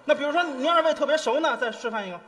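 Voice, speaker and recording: A young man plays the apprentice in a crosstalk act and cuts in with sulky, cheeky remarks in a very high, bright voice. He talks fast, and the hall gives a long reverb. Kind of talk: stage crosstalk comedy.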